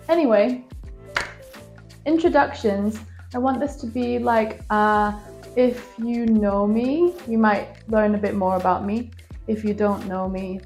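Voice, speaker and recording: Woman, 20s, from Scotland; chatty, rambling vlogger voice, mid pitch, light music underneath. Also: darkish tone. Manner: chatty, rambling, self-deprecating. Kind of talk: casual vlog talk to camera. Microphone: phone with plug-in microphone.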